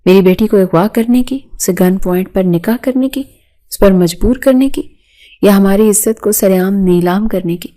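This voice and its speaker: A woman's voice: medium pitch, warm tone, natural voice. A woman reading the lines of a furious older father who roars in anger. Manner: angry, roaring.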